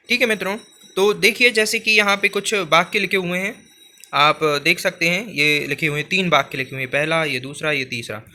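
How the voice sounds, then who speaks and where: A man teaching a grammar lesson for exam preparation, explaining slowly and repeating a filler phrase as he goes through examples. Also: on the high side, bright, forceful tone, slight background noise.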